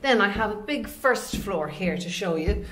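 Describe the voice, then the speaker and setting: The estate agent is an Irish woman in her forties with an expressive, mid-range voice, fairly bright in tone and moderate in pace. Chatting and explaining as she walks, she gives an informal walkthrough of an empty commercial unit's large, bare rooms.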